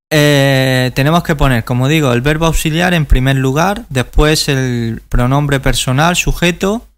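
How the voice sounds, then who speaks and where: A man teaching English grammar in a recorded video lesson, explaining slowly and carefully with frequent fillers, a native Spanish speaker. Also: medium pitch.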